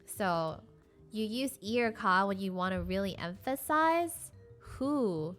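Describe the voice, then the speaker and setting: A woman's voice: mid-range voice, animated, a little slow, fairly bright tone, soft background music. A woman giving a casual live-streamed beginner lesson, explaining with lots of fillers and restarts. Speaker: streamer teaching Korean.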